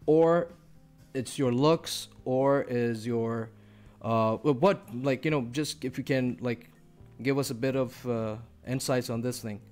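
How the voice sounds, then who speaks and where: A man hosting a casual podcast interview. He asks his questions in a halting, hesitant way, stumbling and restarting and apologizing as he goes. Faint music sits behind his voice. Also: medium pitch, a little mellow, clean tone. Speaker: podcast host.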